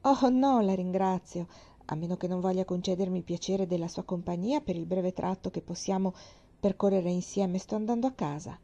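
A woman's voice: on the low side, moderate pace, warm tone. A woman voicing a courteous, reserved young woman in a storybook reading. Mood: polite.

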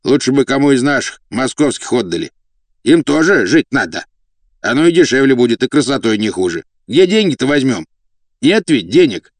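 A man voicing a blunt, domineering old male servant, loud and gruff in an audiobook. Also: on the low side, no echo, natural voice.

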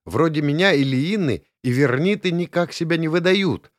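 A man voicing a lively, curious young woman in an audiobook, speaking in breathless, excited exclamations. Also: a little high, normal speed, dry recording, clean studio sound, voice pushed up, close to an everyday voice. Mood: explaining. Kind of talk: audiobook character voice.

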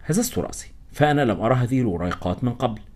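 A man narrating a first-person story as a scripted audiobook reading, with a steady storytelling manner. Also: mid-range voice, very fast.

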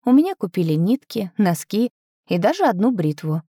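A woman narrating a first-person audiobook story expressively, with her pitch swinging up on lively moments. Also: moderate pace, husky, no echo, clean studio sound.

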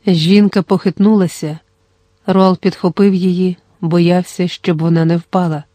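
A steady audiobook narrator reads the story in a dark, mellow tone. The delivery stays even and controlled, and the recording is dry and close with no room sound. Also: mid-range voice, measured pace, no echo. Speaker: audiobook reader.

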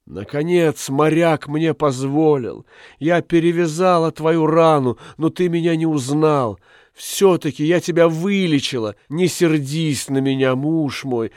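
A man reading aloud voices a devoted young wife in a storybook, soft and pleading. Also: fairly high pitch, a little slow, dry recording, clean studio sound, voice pushed up, close to an everyday voice. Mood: pleading tender.

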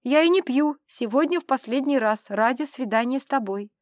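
A woman voicing a tipsy, chattering male count who rambles excitedly and pleads with his friends. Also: high-pitched, normal speed, no room sound, studio quality. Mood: merry tipsy.

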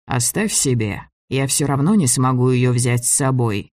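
A relaxed, fatherly older man who speaks slowly and teases kindly, read by a man near his own voice. He sits at a middle pitch. The recording is close and dry. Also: dry recording, close to an everyday voice. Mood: calm.

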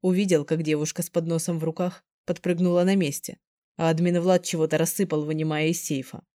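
A woman narrating a first-person novel in a steady, lightly expressive reading. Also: sits low, brisk, no echo, clean studio sound. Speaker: audiobook narrator.

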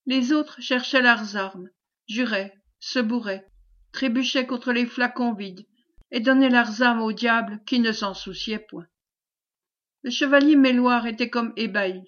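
A woman's voice: fairly high pitch, a bit bright, highs cut off. Woman reading a classic novel aloud. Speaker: audiobook reader. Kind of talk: audiobook narration of a classic novel.

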